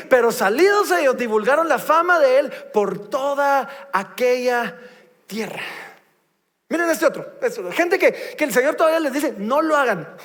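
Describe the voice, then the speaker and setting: A man preaching a lively sermon in a church, reading scripture aloud and retelling it with humor. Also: very high voice. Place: church sanctuary. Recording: long church reverb.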